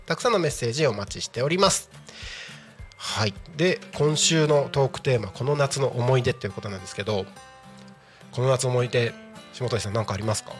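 A man hosting a live community radio show in polite, apologetic announcer patter. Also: medium pitch. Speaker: radio host.

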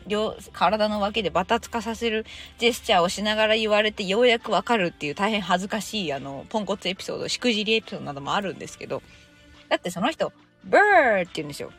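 A young woman hosting a casual solo podcast, chatty and animated, with laughing asides. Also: medium pitch, rapid-fire, soft background music. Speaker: podcast host.

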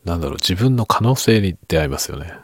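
Very deep, gravelly hushed man's murmur. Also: lively intonation, fast talker, no echo, clean studio sound. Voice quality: husky, low murmur drifting into whisper. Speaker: podcast and ASMR creator. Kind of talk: hushed late-night casual chat for falling asleep.

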